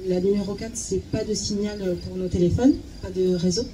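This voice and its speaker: Speaking a little fast with fairly even intonation and a medium-pitched voice, a woman interprets casually one phrase at a time. She sounds hesitant, hunts for words, and repeats herself, while chirping insects and other background noise are clearly audible.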